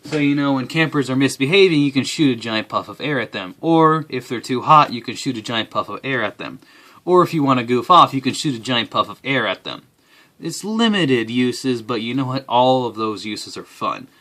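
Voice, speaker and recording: A young man talking casually to the camera as an applicant, with a dry, deadpan delivery. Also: medium pitch, normal speed. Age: young adult.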